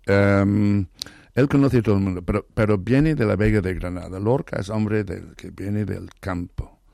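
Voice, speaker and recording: A man speaking Spanish as a learned language, hoarse today, talking eagerly in an interview and often restarting or repeating words. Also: lowish voice, normal speed, dark tone, no echo, studio quality. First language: not Spanish. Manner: enthusiastic, restarts words, many repetitions. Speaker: interview guest, literary scholar. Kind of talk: thoughtful conversational interview.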